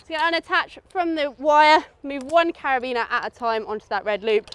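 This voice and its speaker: A British-accented woman, an outdoor adventure course safety instructor, gives a group an informal, instructive safety briefing and keeps checking that they follow. Her high voice is a bit bright and fairly quick.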